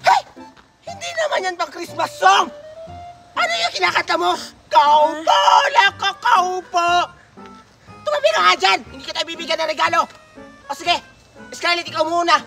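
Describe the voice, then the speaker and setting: A performer voicing a loud, bossy woman who hands out Christmas gifts, shouting and scolding bluntly in a comedy skit, with music behind. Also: very high-pitched, expressive, fairly quick, vocal fry, pauses often, full character voice. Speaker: gift giver.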